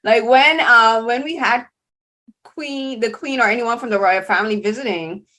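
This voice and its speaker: A woman from Barbados with a Barbadian accent, hosting a casual interview and telling stories in an animated, chatty way. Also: a little high, moderate pace. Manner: animated, chatty storytelling with many "like"s. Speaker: podcast host.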